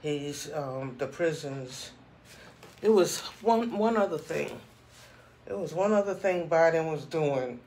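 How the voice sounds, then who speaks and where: A middle-aged man talks in a slightly raised pitch at an unhurried, slow pace. He rambles casually like a vlogger giving his take, using loose street slang and repeated conversational check-ins. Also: lively intonation, a little mellow. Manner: informal street slang, repeats "you know what I'm saying".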